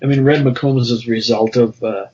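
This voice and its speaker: A man co-hosting a sports podcast, a former reporter who talks in a halting, opinionated way with many restarts. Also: medium pitch, fairly even intonation, warm tone. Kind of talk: casual chat. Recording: slightly dull podcast audio.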